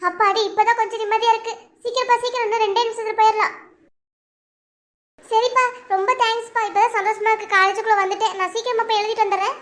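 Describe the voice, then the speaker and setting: A woman's voice: extremely high pitch, steady tone, quick pace, fairly bright tone. A woman voicing an anxious young wife in a cartoon, pleading and worried. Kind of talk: cartoon voice acting.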